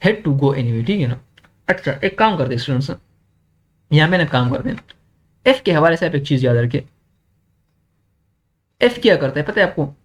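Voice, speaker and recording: A young man with a slightly high voice teaches an exam-prep grammar lesson. He keeps checking in with his students and reads the English examples slowly.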